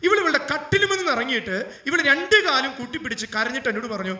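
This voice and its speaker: Male priest preaching, very high voice, sharp bright tone, emotional fervent delivery, echoey room, distant mic. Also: very animated, quick pace. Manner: emotional preaching, rising to loud fervent appeals. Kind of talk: sermon storytelling.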